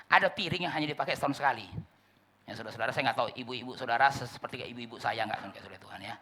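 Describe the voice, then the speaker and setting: A man preaching a sermon as pastor, addressing the congregation again and again, acting out little dialogues and dropping suddenly to a hush. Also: medium pitch, very fast, a little hiss or hum. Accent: Indonesian, Manado area.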